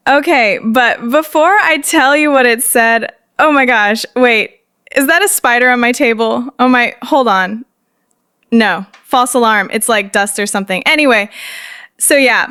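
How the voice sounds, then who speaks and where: A woman's voice: on the high side, a bit bright, clear, resonant tone, no room sound, clean studio sound. Giggly dramatic young woman storyteller. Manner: slangy, addresses viewers directly. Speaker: storytime narrator. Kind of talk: storytime vlog narration.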